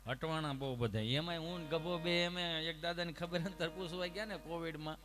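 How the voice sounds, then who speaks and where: A man telling comic folk stories to a live audience, full of lively anecdotes, acted dialogue and rhetorical asides. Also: a little high, a little fast. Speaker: comic storyteller. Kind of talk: Gujarati folk humor storytelling to a live audience. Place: stage at an ashram program.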